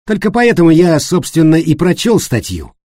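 A man playing an excited, pushy businessman. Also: a little high, normal speed, no room sound, clean studio sound, pitched above the performer's own voice.

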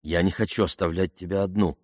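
A man's voice: low-pitched, moderate pace, darkish tone, no echo, natural voice. A man voicing a shy, reserved young man who speaks in a dry, mumbled way. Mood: subdued.

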